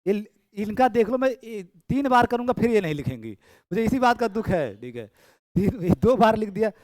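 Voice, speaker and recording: एक पुरुष गणित शिक्षक कक्षा में पढ़ा रहे हैं, बातें दोहराते हुए और छात्रों की कॉपियाँ जाँचते हुए।. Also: male voice, high-pitched, sing-song, brisk, a little mellow, dry recording. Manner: chatty, repeats phrases, checks students' work aloud. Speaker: maths teacher. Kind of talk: classroom lecture. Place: classroom. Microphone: camera in room.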